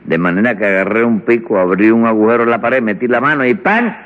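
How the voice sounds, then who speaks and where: A man's voice: medium pitch, fast, lightly acted. A man with a Cuban accent playing a bumbling, cheeky defendant who rambles and mangles words in a vintage radio comedy, on a dull old recording with reverb. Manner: rambling, mangles words, calls everyone "chico". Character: bumbling, cheeky male defendant full of tall tales. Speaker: defendant in a comic courtroom.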